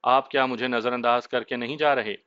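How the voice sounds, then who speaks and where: A yearning young wife from a storybook, tender and coaxing, voiced by a man in his own voice. Her lines carry a bright, forward tone. The recording is dry and a little dull. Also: medium pitch, steady tone, a little fast, clean tone, dry recording, close to an everyday voice. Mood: teasing. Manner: soft, pleading tone.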